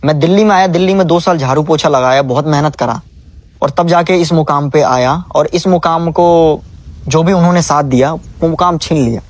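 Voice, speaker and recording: Young man, emotional vlog, scolding and pleading, slightly high pitch. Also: moderate pace, no room sound. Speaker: vlogger. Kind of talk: emotional direct-to-camera vlog.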